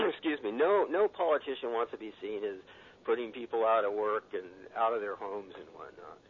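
A man's voice: on the low side, lively intonation, normal speed. An American man calling a radio show, giving his political opinion in a casual conversational style. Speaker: radio phone-in caller. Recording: noisy, narrow phone line.

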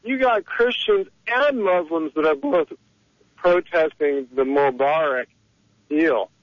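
Phoning in from Egypt, this radio talk show caller speaks slowly in a fairly high-pitched voice. He's heated, rambling and full of opinions, and the dull lo-fi phone line has no echo.

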